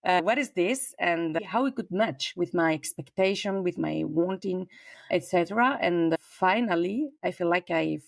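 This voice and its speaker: Her voice low and gravelly at a measured pace, a Spanish-accented woman in her forties from southern Spain talks freely as a podcast guest via remote call. The conversational interview is warm and expansive, full of fillers, with clean studio sound and no room tone.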